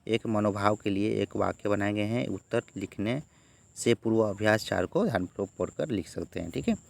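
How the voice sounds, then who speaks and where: Gravelly-voiced male tutor. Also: on the low side, moderate pace, a little mellow. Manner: repeats "theek hai" as a tic, acts out quoted lines. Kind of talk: exam-prep lesson walkthrough.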